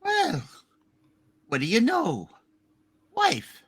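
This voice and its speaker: A man's voice: very high-pitched, huge pitch swings, drawn-out words, fairly bright tone, breathy edge, heavily acted. A man playing a jolly, scatterbrained, tipsy old uncle in a hammed-up play reading, rambling and exclaiming. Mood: amused.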